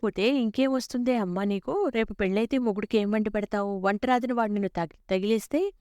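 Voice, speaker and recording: A woman reading the lines of a nosy, gossiping older village woman who asks prying questions loudly and bluntly. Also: medium pitch, brisk, no echo, studio quality, natural voice.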